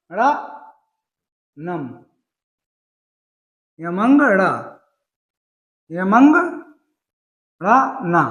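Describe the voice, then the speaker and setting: A man's voice: very high voice, echoey room, poor audio. A male Sanskrit teacher from gives an exam-prep lesson, using homely examples and asking and answering his own questions.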